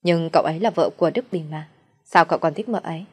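A woman's voice: low-pitched, fast, a little mellow, breathy edge. A woman voicing a curious, worried young manservant who keeps asking questions. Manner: inquisitive, prying.

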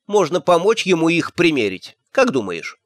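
A man's voice: fairly high pitch, very animated, normal speed, dry recording, clean studio sound, pitched above the performer's own voice. A man voicing a young queen, speaking in an offhand, breezy way. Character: calm eerie young queen, axe-wielding.

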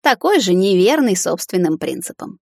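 A woman's voice: fairly low pitch, big pitch swings, normal speed, gravelly, darkish tone, husky, no echo, studio quality, heavily acted. A woman voicing a scornful, haughty young female witch in an audiobook, speaking in a mocking, sneering manner.

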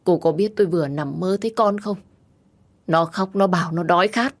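A woman reading an audiobook gives voice to a furious, grieving young man who shouts harsh accusations. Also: fairly low pitch, fast talker, lightly acted. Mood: furious shouting.

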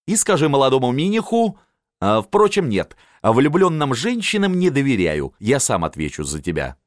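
A man's voice: mid-range voice, big pitch swings, normal speed, no echo, studio quality, pitched above the performer's own voice, natural voice. A man voicing a sly, scheming count who talks in a mocking, ingratiating way, in an audiobook. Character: sly scheming male count, smooth-tongued.

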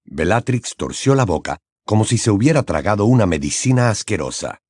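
A man reads an audiobook's narration in a slow, expressive way. His voice is very low, his pitch moves widely, and the recording is close and dry. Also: no room sound. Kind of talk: scripted narration.

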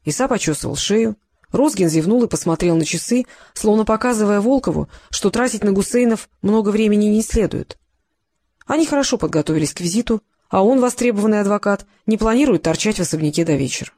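An audiobook narrator reading a detective novel in an even, measured way. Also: medium pitch, dry recording.

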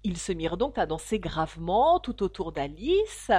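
A woman narrating a classic children's storybook in a measured reading voice. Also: lowish voice, very animated, darkish tone, husky, no echo. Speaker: audiobook reader.

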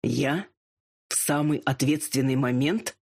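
Narrator doing a gruff dragon lord, proud, slow draggy lines, a bit husky, audiobook. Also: mid-range voice, darkish tone, exaggerated voice. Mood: uneasy. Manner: drawn-out and pleading when drunk, curt when sober. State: drunk and drowsy. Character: arrogant male dragon lord, a gruff millionaire.

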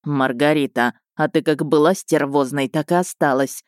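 A woman's voice: low voice, moderate pace, no room sound, studio quality, close to an everyday voice. A woman narrating an audiobook voices an arrogant, mocking young nobleman. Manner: mocking, contemptuous.

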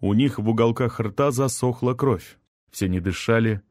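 A male audiobook narrator reading a fantasy story in a steady, measured voice. He speaks at an ordinary middle pitch. The recording is close and completely dry. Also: no room sound. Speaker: audiobook reader.

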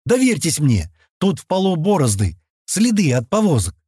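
A man's voice: on the high side, wildly swooping pitch, normal speed, warm tone, husky, dry recording, studio quality, voice pushed up, full character voice. A man voicing a brash, cocky young mountain heir. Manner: brash, confident, teasing.

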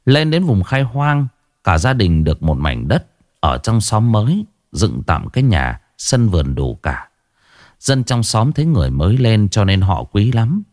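A man narrating a ghost story in the first person with expressive, rising and falling delivery. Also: on the low side, measured pace, no room sound, studio quality.

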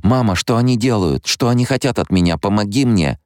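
A man's voice: on the low side, lively intonation, fairly quick, dry recording, clean studio sound, pitched above the performer's own voice, lightly acted. A man reading an audiobook voices a young woman who pleads in a plaintive little girl's voice. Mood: pleading. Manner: plaintive, begging.

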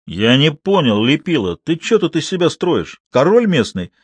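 A man's voice: fairly high pitch, big pitch swings, normal speed, breathy edge, no room sound, pitched above the performer's own voice. A man voicing a menacing bull-necked thug who threatens the doctor in a wheezy, hissing voice. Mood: threatening. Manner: threatening, slangy.

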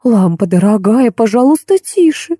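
A woman's voice: on the high side, sing-song, moderate pace, mellow, husky, no room sound, studio quality, voice pushed up. A woman voicing a fussy, soothing older nanny in an audiobook. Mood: fussing. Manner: fussing, soothing.

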